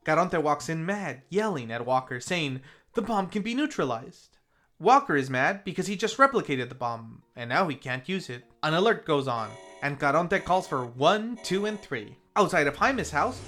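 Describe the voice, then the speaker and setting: With faint music in the background, a mid-pitched narrator whose gender is hard to tell delivers a lively, animated recap for a review show. The film review host keeps the scripted tone casual and playful.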